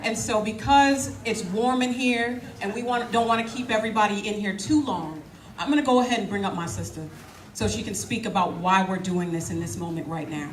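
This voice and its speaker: A woman's voice: mid-range voice, a little fast. A woman emcee introducing the next speaker in an upbeat, casual way. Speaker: event emcee. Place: large indoor event hall. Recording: echoey hall, voice from far off.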